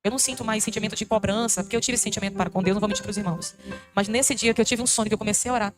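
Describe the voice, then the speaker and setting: A woman's voice: mid-range voice, steady tone, very fast, over music. A Brazilian woman missionary giving a fervent, emotional testimony to a church congregation, calling them brothers. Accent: Brazilian Portuguese. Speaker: missionary preacher.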